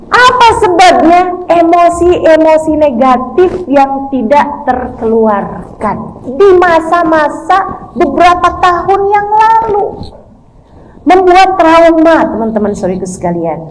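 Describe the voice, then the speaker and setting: A woman in her forties from Indonesia, an Islamic preacher giving a sermon to women, telling stories in a lively way and acting out what a husband and a wife say. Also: very high voice, slow pace, a little hiss or hum, low-quality recording. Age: 40s. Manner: lively storytelling, acts out voices of husband and wife.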